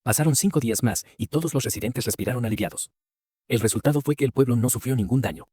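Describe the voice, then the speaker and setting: A man giving a scripted first-person story narration with a brisk, even storytelling read. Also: mid-range voice, slightly rough, no echo, clean studio sound.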